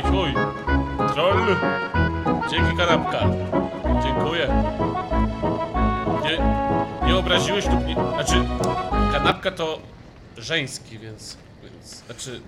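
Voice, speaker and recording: A young man giving live commentary on a horror game, yelping and shrieking when scared and muttering low in between. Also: lively intonation, slow pace, long pauses, loud music behind the voice. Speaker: streamer.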